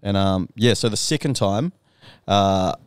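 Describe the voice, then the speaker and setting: A man co-hosting a podcast, telling a story in an animated, excitable way full of slang. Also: lowish voice, a little slow, smooth, no room sound. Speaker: podcast co-host. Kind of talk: casual chat.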